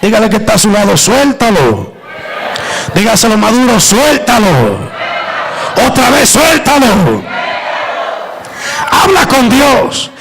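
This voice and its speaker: A man's voice: sits high, big pitch swings, normal speed, crowd noise, rough recording. A male pastor preaching an impassioned sermon to a church congregation, with emphatic calls for the listeners to respond.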